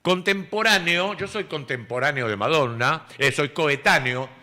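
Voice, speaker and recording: An Argentine radio host and speech teacher in his sixties explains word usage didactically during a casual radio chat. His voice is a little high and bright, with a forceful tone, and he speaks at a moderate pace in Argentine Spanish.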